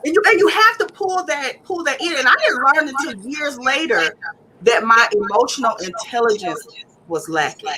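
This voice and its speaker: A woman's voice: high-pitched, expressive, moderate pace, a crowd in the background. A middle-aged woman guest on a casual chat among women, telling stories emphatically and repeating herself as she goes. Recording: noisy video call line.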